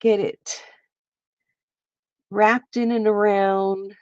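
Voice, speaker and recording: A woman with a stuffy, congested voice, slowly walking viewers through a craft step by step and chatting with them as she works. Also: medium pitch, flat delivery, no echo, muffled recording. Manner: slow, meandering, chats with viewers while working. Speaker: craft livestreamer. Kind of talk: casual craft demonstration. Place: home, at her lap.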